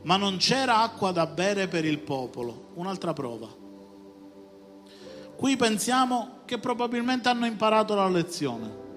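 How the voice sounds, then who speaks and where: A man with a high voice preaches a sermon in a long-echoing hall. He speaks with passion and leads the listeners in repeating his words, while music plays steadily behind him. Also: big pitch swings, unhurried, a bit bright. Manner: passionate, rising to emphatic call-and-response.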